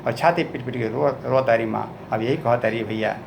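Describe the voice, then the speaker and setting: A man's voice: mid-range voice, creaky, a little hiss or hum. A man with a Bhojpuri accent, a folk singer telling a story in speech and drawing out sung ballad verses between the spoken parts. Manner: slow, drawn-out sung lines between spoken narration.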